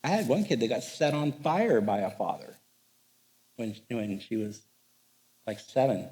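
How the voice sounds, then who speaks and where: A middle-aged man speaks from a stage as a counselor leading a seminar. His voice sits at an ordinary middle pitch. His delivery is lively and wry, full of jokes and stories. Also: a little slow. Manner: joking, animated storytelling. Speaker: marriage counselor. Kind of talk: live seminar talk. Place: on stage before a live audience.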